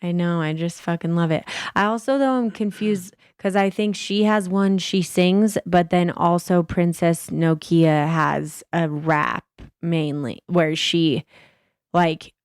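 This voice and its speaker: A woman's voice: on the low side, steady tone, slow pace, smooth, dry recording, studio quality. A woman in her thirties, co-hosting a podcast, telling a story in casual chat, swearing freely and acting out the people she quotes. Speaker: podcast co-host. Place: podcast studio.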